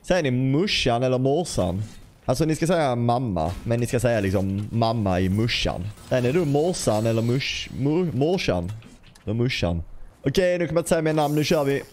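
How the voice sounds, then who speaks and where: A man's voice: medium pitch, lively intonation, darkish tone, slight background noise. A man giving casual gameplay commentary as a gaming YouTuber, chatty, swearing lightly and talking straight to his viewers. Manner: bursts into playful scatting and sound effects.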